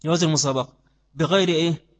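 A man's voice: on the high side, very fast. A man with an Egyptian accent teaching Islamic law in a classroom lecture, quizzing his students with repeated questions and then answering them himself. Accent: Egyptian Arabic. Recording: long reverb of a hall.

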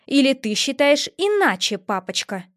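A haughty young princess, as a woman reads her, pitched well above a plain speaking voice and quick to flare into temper. She sounds high and sharp-edged, and the recording is close and dry, with no room sound. It is an audiobook character voice. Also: sing-song, no room sound. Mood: coy. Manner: sweetly innocent, then shrill and furious.

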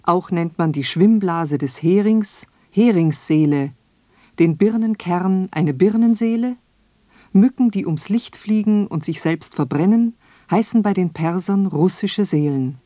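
A woman reading her own radio essay in a slow, measured, reflective way. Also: on the low side, dark tone, dry recording, studio quality. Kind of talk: scripted radio essay narration.

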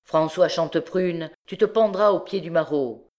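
A woman's voice: on the low side, normal speed, a little mellow, close to an everyday voice. A woman voicing a brutal, mocking male king of thieves in an audiobook, bellowing his commands. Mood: commanding.

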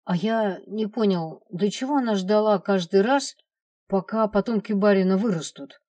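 A woman's voice: medium pitch, normal speed, darkish tone, no echo, clean studio sound, lightly acted. A woman voicing a puzzled young man asking questions at a campfire.

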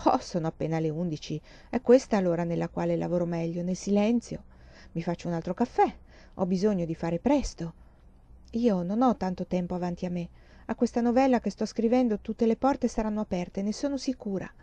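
A woman's voice: lowish voice, a little fast, warm tone, no echo, natural voice. A woman voicing a mature, ambitious woman writer who speaks in intense, rueful bursts, on a dull lo-fi recording. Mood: eager.

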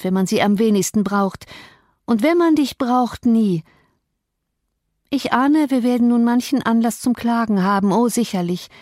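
A woman's voice: a little high, warm tone, no room sound, clean studio sound, lightly acted. A woman voicing a feverish, delirious young woman who speaks in a raised, exalted, pleading way. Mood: bitter.

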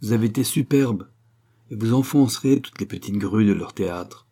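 Male reader doing a pushy, sweet-talking old theatre agent; low, husky storybook voice. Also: moderate pace, mellow. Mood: coaxing. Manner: brash, coaxing.

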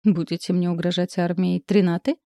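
A woman's voice: on the low side, level tone, brisk, mellow, dry recording, studio quality, natural voice. A woman reading the part of a cold, domineering old grandmother in an audiobook, speaking curtly. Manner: curt, domineering. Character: stern cold old grandmother, ruling matriarch.

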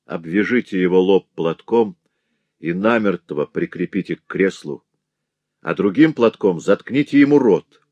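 A man reading an audiobook, voicing a shaken male doctor who gives quiet orders. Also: low voice, lively intonation, a little slow, no room sound, muffled recording. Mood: instructing.

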